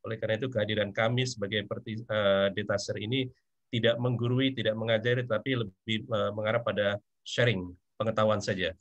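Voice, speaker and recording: Hesitant male professor, formal meeting remarks, lower voice, dull lo-fi sound. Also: steady tone, a little fast. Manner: hesitant, many fillers. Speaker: visiting professor.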